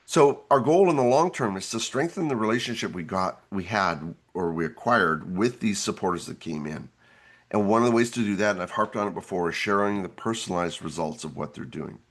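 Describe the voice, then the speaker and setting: Hoarse man presenting a webinar. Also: on the low side, expressive, fairly quick. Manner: earnest, explanatory. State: hoarse, gravelly from losing his voice. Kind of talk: instructional webinar talk.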